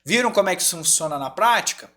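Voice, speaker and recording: Lively Brazilian man teaching grammar. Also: high voice, quick pace. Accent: Brazilian Portuguese. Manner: lively, checks in often with "certo?" and "tá?". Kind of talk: online grammar class.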